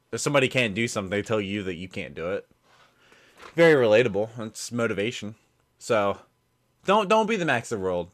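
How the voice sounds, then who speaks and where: A man's voice: fairly low pitch, fairly bright tone. A man hosting a reaction video with casual commentary, full of exclamations and blunt joking asides.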